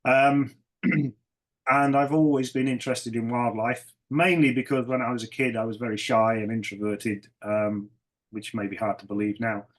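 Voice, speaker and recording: A middle-aged man from North Wales, croaky from a cold, answering interview questions with dry, understated humour. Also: mid-range voice, steady tone, normal speed. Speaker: guest, ecologist. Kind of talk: casual interview.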